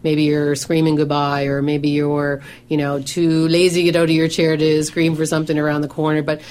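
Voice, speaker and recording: On a radio show, a middle-aged organizer and coach speaks fairly quickly in a low-pitched, flat voice that is clear, resonant and a little mellow. She notes she has a big voice that carries, and her talk is loose, with many fillers like "you know" and restarts.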